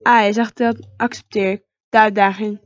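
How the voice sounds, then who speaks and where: A woman's voice: mid-range voice, little pitch movement, normal speed, no room sound, lo-fi sound, lightly acted. A woman voicing a scheming male villain boss in a horse-riding game, with a mocking, gloating manner.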